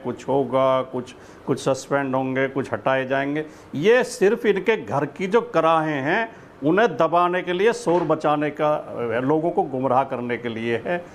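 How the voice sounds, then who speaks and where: A man's voice: medium pitch, slight background noise. A man speaking as an opposition panelist on a TV debate, opening with a recited couplet and posing rhetorical questions. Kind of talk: political debate argument.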